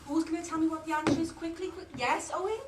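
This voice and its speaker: An actress with a Welsh accent playing a fussy, doting schoolteacher who gushes in a sing-song way. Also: female voice, very high voice, fairly even intonation, fast. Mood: coaxing. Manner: sing-song, gushing "that's lovely". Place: theatre stage, dress rehearsal. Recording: roomy stage, far from mic, noisy.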